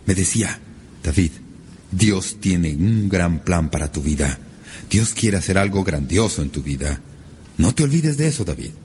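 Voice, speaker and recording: A man with a fairly low voice delivers a sermon, his pitch rising and falling in a lively, animated way. He leans hard on key words with sudden upward leaps. A faint noise sits under the recording. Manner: lively, emphatic preaching with sudden rises in pitch. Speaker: pastor.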